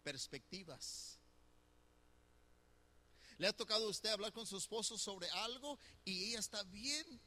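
A man's voice: high-pitched, expressive, unhurried, pauses often, sharp tone. A middle-aged man preaching a conversational sermon as pastor, teasing his listeners and putting questions to them. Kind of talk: sermon on marriage.

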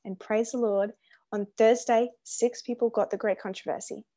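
A woman's voice: on the high side, steady tone, moderate pace, dark tone. Earnest young woman hosting a podcast. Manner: earnest, encouraging, many ums and restarts. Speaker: podcast host. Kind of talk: casual faith podcast chat.

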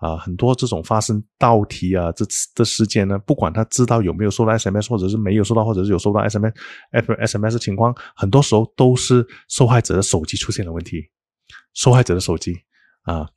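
A man's voice: lowish voice, quick pace, darkish tone, no room sound. A man, a cybersecurity expert guest, explaining in Malaysian-accented Mandarin, often repeating and restarting phrases. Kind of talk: explaining in a talk show interview.

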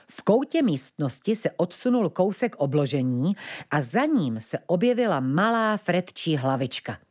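A woman narrates a children's audiobook with expressive storytelling. Her voice sits lowish and moves with lively pitch.

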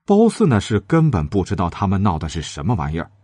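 Lively male storyteller with husky voice. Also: fast, dry recording. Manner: lively, dramatic, shifting pitch for characters. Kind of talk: storytelling narration with acted character lines.

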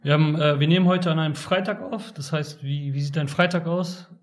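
Fairly high-voiced podcast host man. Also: fairly even intonation, a little fast. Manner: loose, rambling questions. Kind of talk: casual interview talk.

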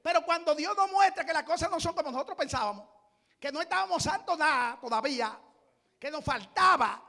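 A middle-aged man, preaching a sermon with passion, often shouting and repeating his phrases. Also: extremely high pitch, animated, a little fast, vocal fry. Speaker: pastor.

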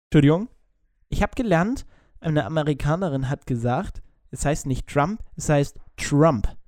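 A man's voice: a little high, expressive, normal speed, a little mellow, dry recording, studio quality. A man co-hosting a casual podcast, reading out news and chatting, with frequent stumbles and restarts. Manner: chatty, jumps between topics, stumbles and restarts. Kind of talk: casual chat.

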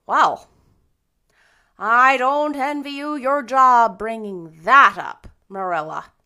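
A woman's voice: very high-pitched, sing-song, measured pace, sharp tone, voice pushed up, heavily acted. A woman voicing a blunt, opinionated older village busybody in a storybook, emphatic and scandalized.

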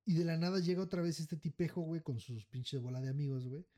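A man's voice: a little high, fast talker. A man with a Mexican accent telling a story in casual podcast chat, swearing freely and tacking "güey" onto nearly every phrase. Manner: animated, acts out the people in his story. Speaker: podcast co-host.

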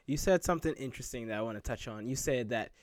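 A man's voice: mid-range voice, fast talker, no echo. A man hosting a faith podcast interview, upbeat and effusive as he welcomes listeners and asks questions. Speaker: podcast host.

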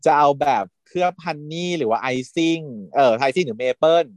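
A man's voice: on the high side, animated, a little fast, no room sound. A man in casual chat who animatedly retells a TV series, laughing often and acting out quotes.

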